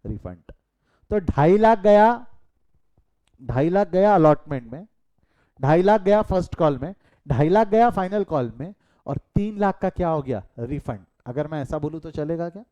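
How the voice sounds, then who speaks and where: A man's voice: on the high side, lively intonation, moderate pace, mellow, dull audio. Chatty Indian man teaching an online class. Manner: mixes Hindi and English, quizzes students, chatty asides. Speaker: commerce teacher. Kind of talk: live online class lecture.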